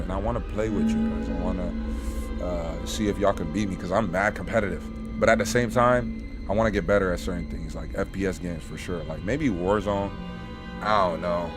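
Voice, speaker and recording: A man livestreaming a horror game, chatting to his viewers in a laid-back, slangy and profane way. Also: low-pitched. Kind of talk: casual live gameplay chat.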